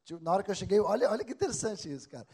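Brazilian male comic, quick and high, mellow tone, rambling profane storyteller. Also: husky. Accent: Brazilian Portuguese. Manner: animated, swearing, rambling anecdotes. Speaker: comedian. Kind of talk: casual storytelling.

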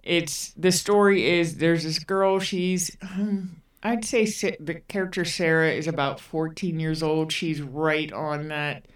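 Slow-talking woman, echoey room. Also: low-pitched, recorded from a distance. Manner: unhurried, rambling with fillers. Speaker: podcast co-host. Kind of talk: casual film retelling. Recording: roomy, away from the mic.

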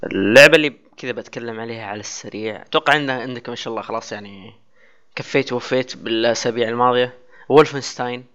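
A man talks games in rapid, joking banter. His voice sits at a middle pitch and comes through a dull, lo-fi recording. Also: fairly bright tone, smooth. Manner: joking, fast banter with fillers. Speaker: podcast co-host. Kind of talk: casual gaming chat. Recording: dull lo-fi sound.

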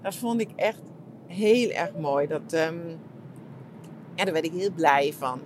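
A middle-aged woman talking reflectively about her retreat, soft and searching, with many fillers and restarts. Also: low-pitched, lively intonation, slow, slight background noise. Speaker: shiatsu practitioner and podcast host. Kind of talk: reflective personal monologue.

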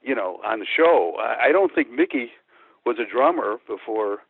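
An older man raised in Chicago but born in Texas, once a band musician, reminisces casually as an interview guest in a hesitant, rambling way. His mid-range voice is animated, creaky and husky at normal speed with no room sound, carried over a tinny, narrow-band phone line.

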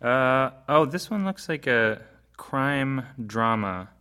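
A man's voice: mid-range voice, expressive, slow, bright, forceful tone, clear, resonant tone. A man co-hosting a casual podcast, telling stories in a chatty way, swearing and acting out his reactions. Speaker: podcast co-host.

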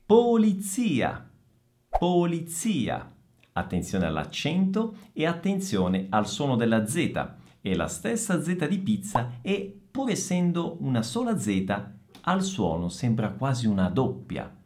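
A man teaching a pronunciation lesson, speaking slowly and pronouncing every word with deliberate care. His pitch rises and falls in a lively way, so the drills sound animated rather than flat. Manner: slow, deliberate word drills, repeating each word twice. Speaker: Italian teacher.

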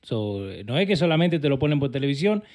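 Male co-host, expressive, short interjections. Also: fairly high pitch, fast. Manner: brief reactive interjections. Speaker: co-host playing the clips. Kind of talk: casual chat.

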